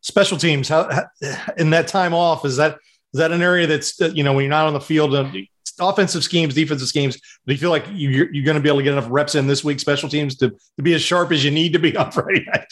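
A man's voice: a little high, fairly even intonation, fast, a bit bright. A man hosting a sports radio show, interviewing and presenting.

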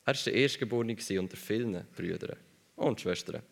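A man's voice: fairly low pitch, quick pace, vocal fry. A man preaching a sermon emphatically, repeating phrases for stress.

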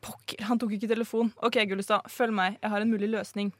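A woman's voice: medium pitch, flat delivery, natural voice. A woman playing a theatrical male amateur sleuth who speaks in an earnest, dramatic, speechifying way, in a live comedic radio play.

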